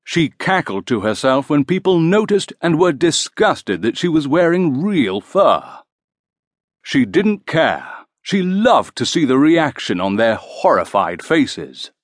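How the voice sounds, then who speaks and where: Slow, lively male storybook narrator. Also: on the high side, dry recording, clean studio sound. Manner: slow, expressive. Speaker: audiobook narrator.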